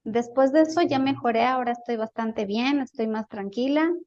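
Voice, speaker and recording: A woman's voice: on the high side, moderate pace, a little mellow, dull audio. A woman in an interview, telling a personal experience in a casual, hesitant way and repeating words as she searches for them. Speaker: guest recounting a healing experience.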